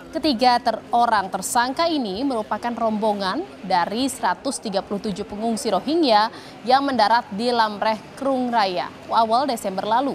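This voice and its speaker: Fairly high-voiced woman news anchor. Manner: crisp formal delivery. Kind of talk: studio news reading. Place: TV studio.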